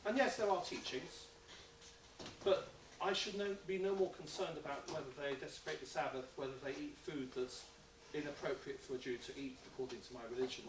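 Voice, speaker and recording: A thoughtful man on a panel talks through his religious views and now and then jumps in with quick challenges. The sound is roomy and distant, with a layer of background noise. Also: fairly high pitch. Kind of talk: panel discussion. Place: university lecture hall. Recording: echoey hall, distant mic, noticeable noise.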